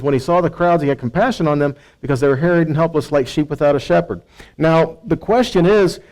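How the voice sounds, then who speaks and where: A slightly high, darkish male voice comes through a rough recording as an American man teaches from the Bible in a conversational, sermon-like way. He reads verses and explains them, tossing out rhetorical questions and frequent check-ins like "right" and "okay."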